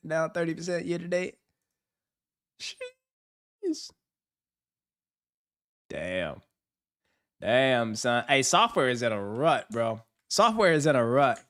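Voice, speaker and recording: A man hosts a livestream, reacting to a video with hyped, slang-heavy banter and laughing often. His voice sits in the mid range with a slightly bright tone, and the talk is casual livestream commentary.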